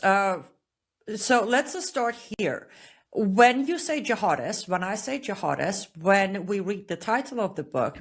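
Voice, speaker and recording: A woman from Iran, a guest author, giving measured, earnest answers in an interview. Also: medium pitch. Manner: measured, earnest personal account.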